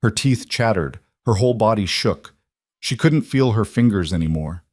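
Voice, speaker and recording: Low-voiced man narrating a dramatic story. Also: animated, moderate pace, a little mellow, no room sound, clean studio sound.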